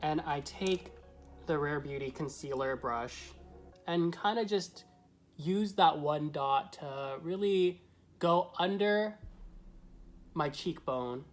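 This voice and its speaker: A man's voice: a little high, slow pace. Chatty male drag queen vlogger over music. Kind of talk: casual tutorial talk to camera.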